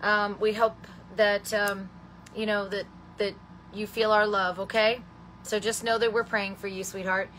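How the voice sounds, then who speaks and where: This woman hosts a live craft stamping show, chatting with viewers as she teaches, greeting them by name and calling them honey and sweetheart. She rambles, with many ums and restarts, in a medium-pitched, fairly bright voice that moves little in pitch and stays unhurried. Slight background noise is present.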